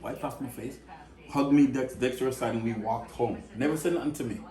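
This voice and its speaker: In an echoey room, a man from Canada speaks in a fairly quick, mid-range voice while sharing an emotional personal story in casual conversation. He gets animated and performs the quoted voices of the people involved.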